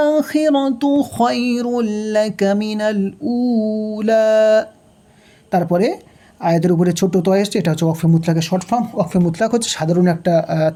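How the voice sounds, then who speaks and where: A woman's voice: on the low side, mellow. Patient woman teaching Quran recitation. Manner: patient, repetitive drilling with questions to the learner. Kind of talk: tajweed lesson, spelling out and reciting verses. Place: home recording, unseen.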